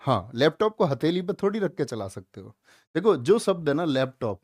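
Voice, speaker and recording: A man teaching a live online class, loud and emphatic, drilling students with repeated questions. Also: on the high side, sing-song, normal speed, dry recording, clean studio sound.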